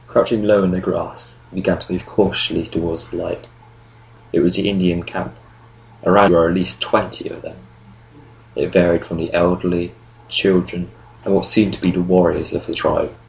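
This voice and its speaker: Deep gravelly male audiobook narrator. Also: little pitch movement, normal speed, poor audio. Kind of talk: scripted narration.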